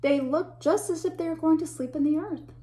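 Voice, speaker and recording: A teacher with a high-pitched voice reads a picture book aloud to children with lots of animation. She pauses to point out the illustrations and drops into a whisper or gasp when the story gets tense.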